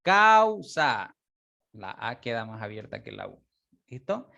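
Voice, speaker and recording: A man teaching a class, explaining step by step, repeating example words slowly and often checking that students follow. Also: fairly low pitch, huge pitch swings, vocal fry, fairly bright tone. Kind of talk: online class lecture.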